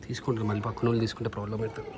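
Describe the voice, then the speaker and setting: Fast-talking man, scolding. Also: on the low side, level tone, background noise. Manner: scolding, coaxing a crying child. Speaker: vlogger, father. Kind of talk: casual family chat.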